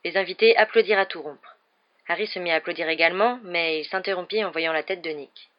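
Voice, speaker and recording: A woman reading a novel aloud in a steady, calm narrating voice. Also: fairly low pitch, fast. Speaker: storybook reader. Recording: dull lo-fi recording.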